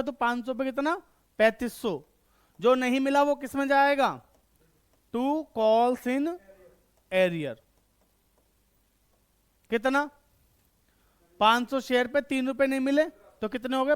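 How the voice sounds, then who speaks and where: High-voiced man teaching accounts. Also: fairly bright tone, clear, resonant tone. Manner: quizzes students with quick questions and answers himself; repeats checks for understanding. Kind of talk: online class lecture.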